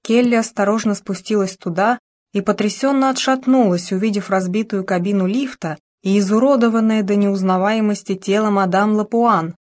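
A woman narrating an audiobook, measured and even, with a voice of middle pitch. Her scripted delivery stays steady from line to line.

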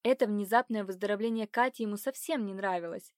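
Woman narrator, audiobook, measured even read, mid pitch, dry close mic. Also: no echo. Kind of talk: reading a romance novel aloud.

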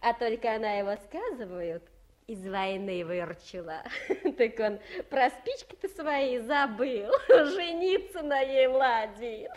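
An actress voices a gossipy young village wife in a 1950s radio play, using folksy rural speech and giggling often. Her female voice sits a little high and sounds a little mellow, animated yet slow.

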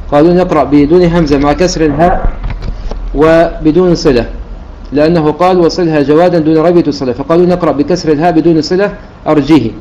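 A man gives a religious lesson in a methodical, repetitive teaching manner. His voice sits slightly high with a mellow tone. The recording is dull and lo-fi with a faint hiss behind him. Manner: methodical, repeats points, restarts words while counting. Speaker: Quran recitation teacher. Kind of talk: religious lesson explaining readings.

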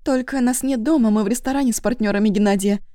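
A woman's voice: fairly high pitch, quick pace, mellow, no room sound, studio quality, pitched above the performer's own voice, lightly acted. A woman voicing a flustered, caring middle-aged mother talking on the phone, anxious and affectionate. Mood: worried fussing.

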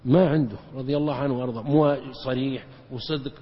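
A man gives a religious lecture, telling stories emphatically and jumping up in pitch to stress points. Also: fairly even intonation, fast talker, breathy edge. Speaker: preacher. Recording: dull lo-fi recording with long hall reverb.

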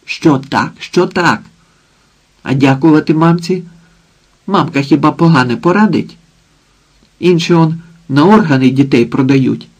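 A man with a gravelly, husky voice voicing a coarse, bossy drunken village mother who nags and threatens her daughter. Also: a little high, a little slow, pauses often. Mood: scolding, coarse. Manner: crude, nagging, threatening.

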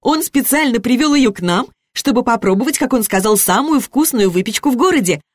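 Woman voicing a chirpy young woman in an audiobook, gushing, pitched way up and lively. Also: normal speed, no room sound, clean studio sound. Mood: chirping. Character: bubbly happy young woman baker.

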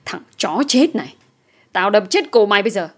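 A woman voicing a furious, protective young man in an audio story, shouting rough threats. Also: medium pitch, sing-song, brisk.

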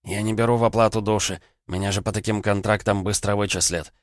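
A sly little crossroads demon who wheedles and pleads in a deep, smooth, low voice, as a male narrator puts him on. The recording is dry and close, with almost no room sound. He sounds ingratiating and self-pitying, as in a fantasy storybook. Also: fairly even intonation, fast talker, no echo, lightly acted. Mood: wheedling.

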